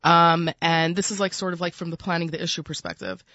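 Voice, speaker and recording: A woman's voice: fairly low pitch, steady tone, a little fast, bright, forceful tone, dry recording, dull audio. A woman with a Brooklyn accent talking casually as an interview guest, chatty and peppering her speech with "like" and "you know". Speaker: food magazine editor, interview guest.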